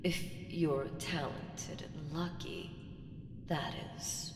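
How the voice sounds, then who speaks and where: Speaking extremely slowly in a deep, steady voice over background music, a woman portrays an ancient evil entity for an ASMR roleplay audio drama. She is seductive, sly and taunting, instructing in a foreboding way, with ominous teases and whispered lines. There's a reverberant hall effect and a bit of faint noise.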